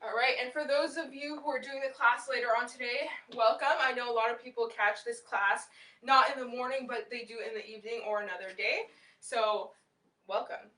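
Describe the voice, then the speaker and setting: Bright, echoey woman fitness instructor. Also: on the high side, fairly even intonation, brisk. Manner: encouraging, instructional cueing while exercising. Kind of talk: live home workout class instruction, counting reps. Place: small room at home, indoors. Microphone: far camera across the room. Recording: roomy echo, distant camera mic.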